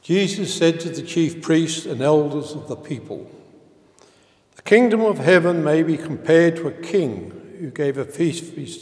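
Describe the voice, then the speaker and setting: Male priest, solemn Gospel reading, unhurried pace, cathedral echo from across a big church. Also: a little high, darkish tone. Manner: measured, solemn liturgical reading. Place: large church. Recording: roomy church reverb from far off.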